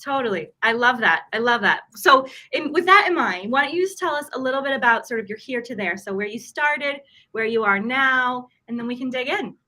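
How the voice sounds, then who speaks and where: Bright-voiced woman host. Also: on the high side, lively intonation, fairly quick, few pauses. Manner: encouraging, eager listener. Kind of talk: interview hosting.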